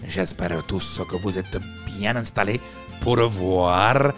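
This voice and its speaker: A man's voice: low voice, takes it slowly, music in the background, voice pushed down. A man voicing a boastful, crude male streamer with an exaggerated mock Spanish accent in French, talking in a singsong way.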